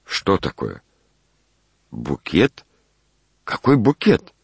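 Man playing an excitable, vain official for a storybook reading, deep, husky, swings from shouting to musing. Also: slow pace, dry recording, heavily acted. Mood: agitated. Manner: agitated shouts, then dreamy musing.

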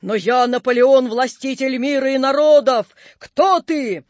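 A swaggering, bombastic Napoleon of a fairground show, as a man puts him on, booming every line. The voice sits high and bright. The sound is close and dry, with no room around it. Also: animated, slow pace, no echo, heavily acted. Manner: declaiming, bombastic. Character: pompous, blustering male Napoleon in a fairground show.

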